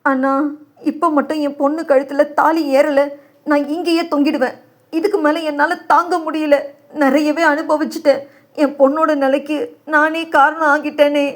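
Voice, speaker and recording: A woman's voice: fairly even intonation, normal speed, long pauses. A woman voicing a desperate older father who begs and pleads in tears in an audio novel. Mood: sobbing plea. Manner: pleading, sobbing, high and strained.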